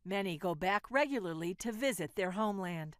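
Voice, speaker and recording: A woman's voice: mid-range voice, lively intonation, a little fast. A woman with an American accent narrating a scripted news report as a correspondent.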